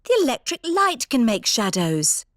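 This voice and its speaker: An actress playing a gentle, playful mother pig with a British accent, soothing her children in a preschool cartoon. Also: on the high side, big pitch swings, normal speed, dry recording, studio quality. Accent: British English.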